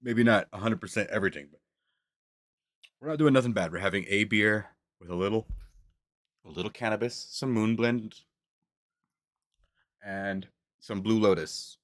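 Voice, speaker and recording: Man, very low voice, dry close sound, casual rambling stream talk, swears a lot, camera on the table at home. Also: fairly even intonation, moderate pace, pauses often, a bit bright, no room sound. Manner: rambling, loose and profane, talks with mouth full at times. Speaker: streamer doing tarot readings. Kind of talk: casual livestream chat.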